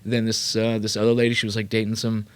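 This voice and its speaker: A man from California, a rapper and producer, telling his career story as a podcast guest in a loose, animated way full of fillers and swearing. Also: fairly low pitch, quick pace, clear, resonant tone. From Sacramento, California. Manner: animated, profane, lots of fillers. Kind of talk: casual storytelling.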